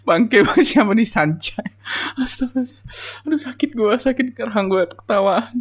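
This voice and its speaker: A young adult reaction vlogger, laughing to tears and exclaiming loudly over and over in casual commentary. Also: medium pitch, moderate pace. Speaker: reaction video creator.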